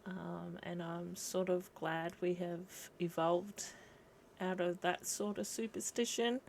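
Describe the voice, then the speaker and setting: A woman hosting a casual livestream, rambling reflectively in short phrases with frequent pauses. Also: lowish voice, fairly even intonation, creaky, a little mellow, slight background noise. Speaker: host of a live video commenting on folklore.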